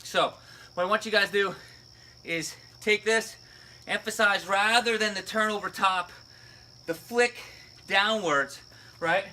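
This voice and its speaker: A fitness coach explains a casual instructional lesson step by step, often checking in with "right?" and "okay?". His high voice is unhurried, bright and pushed, with frequent pauses and slight background noise.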